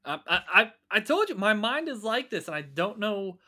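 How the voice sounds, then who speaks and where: A man's voice: sits high, very animated, moderate pace, pushed and bright. A man, co-hosting a casual podcast chat and talking animatedly, swearing and bragging about his trivia. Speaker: podcast co-host.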